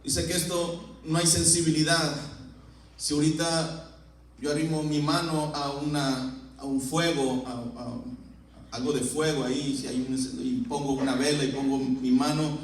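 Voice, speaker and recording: A man's voice: on the high side, little pitch movement, unhurried. A man preaching a sermon as pastor, with impassioned repeated phrases. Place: church sanctuary. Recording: echoey church hall from far off.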